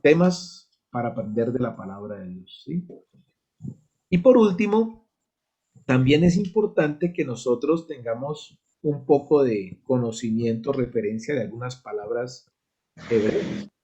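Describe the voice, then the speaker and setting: A man's voice: mid-range voice, expressive, unhurried, mellow, slightly rough, lo-fi sound. A man with a Colombian Spanish accent teaching a church Bible study, explaining step by step and checking in with the class. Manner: explanatory, asks "¿sí?" to check understanding.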